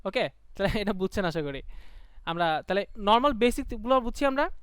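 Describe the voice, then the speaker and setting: A young man, teaching a live online class in a quick, colloquial way and quizzing his students. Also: sits high, animated, fairly bright tone, clear, resonant tone, no room sound, clean studio sound. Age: young adult. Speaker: online tutor.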